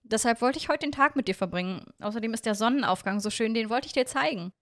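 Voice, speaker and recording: A woman's voice: fairly high pitch, fast talker, no room sound, clean studio sound, natural voice. Woman voicing a cheerful curious village boy. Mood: friendly. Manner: eager, friendly, talkative.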